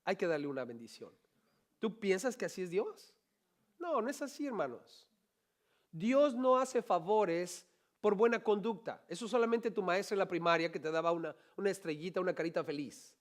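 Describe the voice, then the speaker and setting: A pastor delivering a lively sermon, his voice sitting a little high for a man. He keeps turning to the congregation with rhetorical questions and mixes in playful, joking asides. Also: normal speed.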